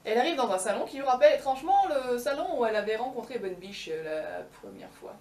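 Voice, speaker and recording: A woman's voice: a little high, big pitch swings, fast, mellow, reverberant, recorded from a distance. A young woman casually retelling a fairy tale with slangy, ironic asides and many fillers. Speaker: storyteller.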